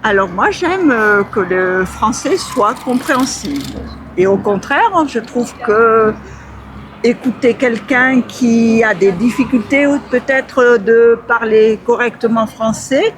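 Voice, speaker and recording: A woman's voice: fairly high pitch, slow, background noise. A woman answering a street interview thoughtfully, with many hesitations. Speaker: passerby.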